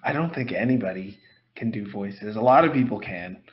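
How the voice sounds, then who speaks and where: A man's voice: fairly low pitch, lively intonation, fairly quick. A man hosting a podcast, talking casually and at length with folksy exclamations and self-deprecating asides. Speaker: podcast host. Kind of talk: casual interview chat. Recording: slightly dull podcast audio.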